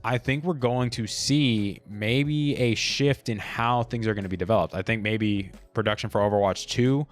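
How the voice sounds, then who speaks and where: A podcast host talking through his views off the cuff, blunt and opinionated, leaning on casual fillers. His voice sits low for a man. Soft music plays faintly under him. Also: moderate pace, hardly any pauses. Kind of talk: unscripted solo commentary.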